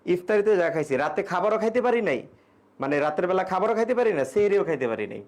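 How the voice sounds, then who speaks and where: A young man with a high, darkish voice talks fast and with lots of energy while teaching an online exam-prep English grammar class. He explains casually in Bengali, uses English examples, and reads students' questions aloud before answering them.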